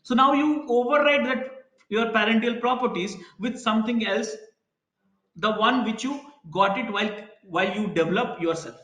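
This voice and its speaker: A man's voice: sits high, moderate pace, pushed and bright, echoey room. A man teaching a live programming class, explaining concepts with everyday examples and checking in with students. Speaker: programming instructor. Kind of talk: live online class lecture.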